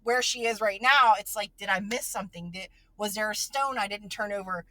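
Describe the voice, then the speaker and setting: A woman talks in an earnest, emotional way, often pausing on fillers and restarting her sentences. Her voice sits at an ordinary middle pitch. The sound is close and dry, with no room echo. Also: sharp tone. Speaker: podcast host and parent. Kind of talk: casual conversation.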